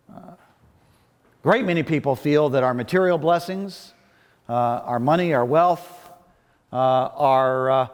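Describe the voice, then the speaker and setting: A male preacher gives a sermon in a slightly high-pitched voice that rings through a large hall with long reverb. His delivery is measured, with pauses and restarts as he feels his way through each thought. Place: large reverberant worship space.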